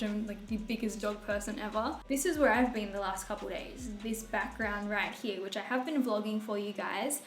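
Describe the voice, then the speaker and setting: A young beauty vlogger gives a casual, chatty makeup tutorial, bubbly and rambling, poking fun at herself with laughs. Her husky voice sits at an ordinary middle pitch. Her small room adds a roomy echo, and faint music plays underneath.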